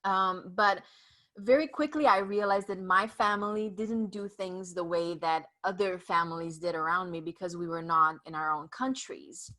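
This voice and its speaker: Her fairly low, pushed and bright voice keeps a normal speed as this Hungarian-speaking author from Romania shares her story. She's a podcast guest in a casual interview, earnest and full of fillers.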